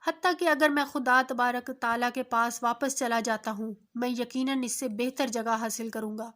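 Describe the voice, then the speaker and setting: A woman's voice: on the high side, fairly even intonation, fairly bright tone, lightly acted. A woman voicing a proud, boastful rich gardener in a storybook tale, in her own voice. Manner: boastful, self-assured.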